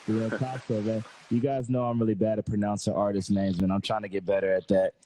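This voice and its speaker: A man's voice: lowish voice, flat delivery, quick pace, dark tone, no echo. Laid-back Texan man hosting a podcast. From Texas, United States. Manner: laid-back, friendly, lots of filler phrases. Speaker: podcast host. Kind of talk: casual interview.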